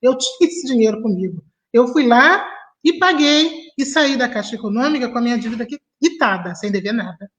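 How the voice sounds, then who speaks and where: A woman's voice: on the high side, animated, a little fast, lo-fi sound. A middle-aged woman from Niterói, telling her life story as a panelist on a video call and laughing between sentences. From Niterói, Brazil. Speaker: panelist, family doctor. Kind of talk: personal storytelling in an online debate.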